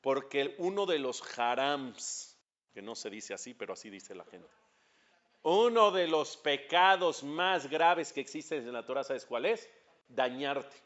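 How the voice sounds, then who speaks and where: A man's voice: mid-range voice, very animated, measured pace, a bit bright, dull audio. A man, a rabbi with a Mexican accent, giving a religious lecture, asking the audience questions and building to emphatic peaks. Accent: Mexican Spanish.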